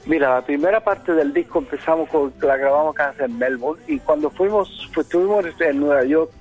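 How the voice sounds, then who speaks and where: A man's voice: on the high side, a little fast, soft background music, low-quality recording. A man from Chile with a Caribbean, Cuban-sounding Spanish accent, telling anecdotes casually as a musician guest in a radio interview.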